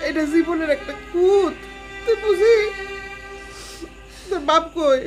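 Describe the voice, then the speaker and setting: A woman's voice: very high-pitched, slow, faint music behind. An actress playing a bitter, grieving middle-aged mother.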